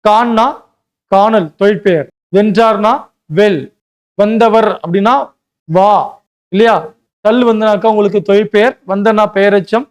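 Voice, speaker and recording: A man's voice: high voice, fairly even intonation, a little slow, pauses often, smooth. A male teacher giving a Tamil grammar lesson for an exam, explaining step by step, mixing in English words and often checking in with "right?". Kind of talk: classroom lecture.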